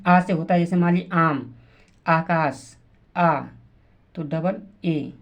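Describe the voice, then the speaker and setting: A woman teacher, explaining spelling slowly, repeating words and sounding out letters. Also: fairly low pitch, highs cut off. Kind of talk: slow classroom explanation.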